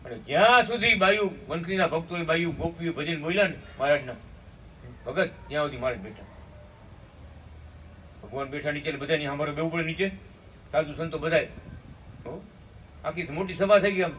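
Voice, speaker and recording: Set back from the microphone, a male preacher with fairly high pitch and a fairly bright tone narrates a devotional tale at a satsang. He shifts into slow chanted hymns and asks "hum?" of his audience. Faint room noise is audible.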